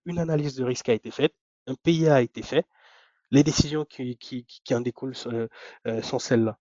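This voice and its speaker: A man giving a webinar presentation, explaining points step by step and often pausing on fillers and restarts. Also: mid-range voice, mellow, no room sound. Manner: hesitant, many fillers and restarts. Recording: dry, dull lo-fi sound.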